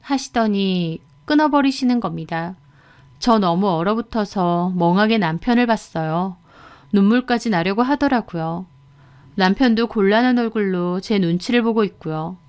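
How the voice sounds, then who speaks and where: Smooth-voiced woman narrating a story. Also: medium pitch, moderate pace, darkish tone. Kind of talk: first-person story narration.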